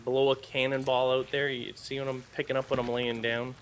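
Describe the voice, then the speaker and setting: Fairly quick and flat in delivery, this mid-range male voice trades goofy jokes with a fellow player during a video game. The chat is loose, casual banter. Game sound effects are clearly heard in the background.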